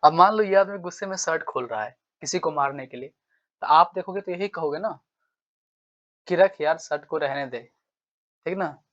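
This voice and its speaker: A man's voice: high voice, moderate pace, long pauses, a bit bright, dull audio. Man with a stuffy cold, chatty teacher. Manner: chatty, keeps asking "right?" and "what will you say?". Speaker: English teacher. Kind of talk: casual exam-prep lesson.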